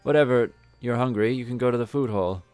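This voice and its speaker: A man's voice: mid-range voice, fairly quick, darkish tone, smooth, no echo, faint music behind, close to an everyday voice. A man voicing a young female resort supervisor who explains duties in a matter-of-fact way. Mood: brisk.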